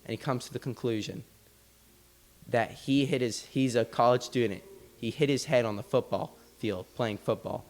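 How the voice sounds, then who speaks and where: A man's voice: mid-range voice, normal speed, darkish tone. A man hosting a podcast, telling a story in a loose, casual way full of "like" and restarts. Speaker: podcast host.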